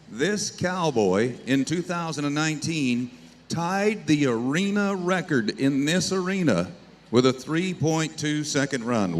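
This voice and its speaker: A man announcing a rodeo, giving live commentary to the arena over a PA. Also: fairly high pitch. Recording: arena PA with faint background noise.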